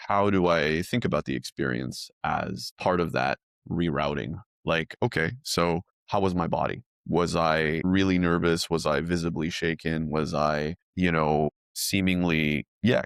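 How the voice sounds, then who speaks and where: A man's voice: low-pitched, gravelly, no room sound, studio quality. A man co-hosting a conversational podcast, talking through his points step by step with plenty of fillers. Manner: talks through points in numbered steps, many fillers. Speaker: podcast co-host.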